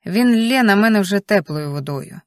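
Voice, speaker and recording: A young adult woman narrating a romance audiobook with an expressive, emotional reading. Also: mid-range voice, normal speed, dry recording, clean studio sound. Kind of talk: scripted narration.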